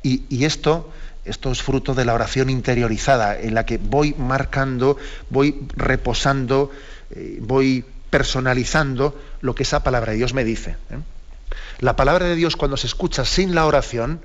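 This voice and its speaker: A man, a priest giving spiritual advice on a radio call-in, speaking in a measured way and often ending phrases with a questioning "no?" or "eh?". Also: medium pitch. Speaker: priest answering callers. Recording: slightly dull radio broadcast.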